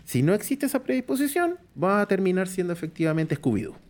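A Chilean man chatting casually on a podcast about horror role-playing, pausing often with fillers and restarts. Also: high-pitched, big pitch swings, a little mellow. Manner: hesitant, many fillers and restarts. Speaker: podcast host discussing tabletop horror games.

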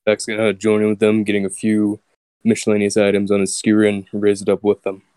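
A man's voice: lowish voice, monotone, fairly quick, mellow, clear, resonant tone, no echo. A man player describing his character's actions in a matter-of-fact way on a voice call. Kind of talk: tabletop role-play over voice chat.

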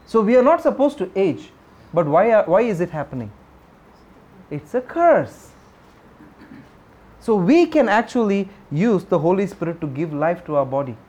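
High-voiced man preaching a sermon. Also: big pitch swings, moderate pace, pauses often, darkish tone. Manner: emphatic, repeats key phrases, reads scripture aloud; asks the congregation questions. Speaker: pastor.

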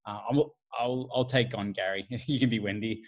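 A man's voice: on the low side, fairly even intonation, moderate pace, dull audio. A man hosting a podcast and chatting casually, hesitant and full of ums. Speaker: podcast host. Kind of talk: casual chat.

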